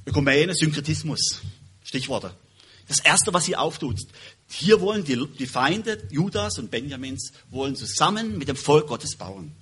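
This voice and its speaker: Husky bright-voiced man preaching. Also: a little high, very animated, moderate pace. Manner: emphatic, swings between loud stresses and quiet drops; self-correcting, restarts words. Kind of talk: sermon with Bible reading.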